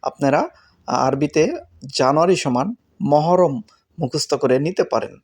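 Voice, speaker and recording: Man slowly repeating words for learners. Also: fairly high pitch, darkish tone. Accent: Bangladeshi Bengali. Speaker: language teacher. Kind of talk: casual spoken lesson.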